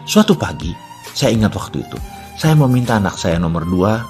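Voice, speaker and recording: A middle-aged man telling a personal story in a reflective, animated way. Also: on the low side, fairly quick, faint music behind. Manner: reflective, animated storytelling with acted-out inner voices. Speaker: business speaker.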